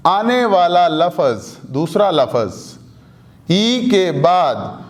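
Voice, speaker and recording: A male language teacher, a native Urdu speaker, explaining Chinese tone rules to students. He asks questions and answers them himself, repeats example words slowly, and mixes in English terms. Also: high-pitched, darkish tone.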